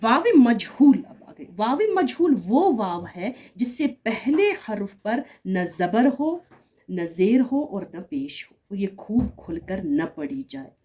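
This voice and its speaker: Woman, grammar teacher, patient explanations, repeats example words, soft warm tone. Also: medium pitch, very animated, takes it slowly. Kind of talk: online grammar lesson.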